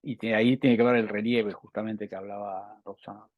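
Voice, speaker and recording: Halting man lecturing, dull dry sound. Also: on the low side, level tone, dry recording. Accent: Rioplatense Spanish. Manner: halting, many restarts and fillers. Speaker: university lecturer.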